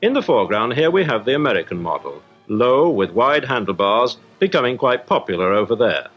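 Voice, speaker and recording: Speaking a little fast with great animation, a British-accented man of medium pitch acts as an industrial correspondent in a 1950s newsreel. His report is formal, scripted and explanatory, heard on a dull period soundtrack with music underneath.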